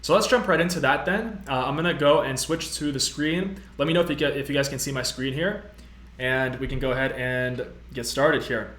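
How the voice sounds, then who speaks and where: A man's voice: mid-range voice, brisk, a bit bright. Upbeat young man on a roomy live stream. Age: 20s. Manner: casual, upbeat, many fillers, reads out chat. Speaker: host. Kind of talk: live-stream tutorial chat. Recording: roomy echo.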